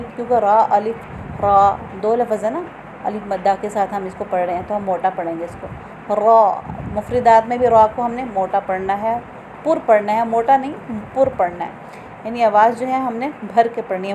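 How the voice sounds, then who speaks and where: A woman's voice: a little high, dark tone, slight background noise, rough recording. A woman teaching Quran reading to students, patiently explaining each letter and sounding it out. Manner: patient, explains slowly, often checks understanding. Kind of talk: tajweed lesson to students.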